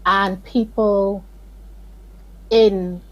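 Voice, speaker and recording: A Barbadian woman appears as a guest on a morning show via video call, speaking extremely slowly in a steady, mid-range voice over lo-fi audio. She is earnest and emphatic, pleading in places.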